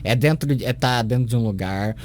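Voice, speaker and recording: A man's voice: mid-range voice, brisk, a little mellow, slight background noise. A man commenting critically on a sermon clip, sarcastic and scornful, with a mocking tone.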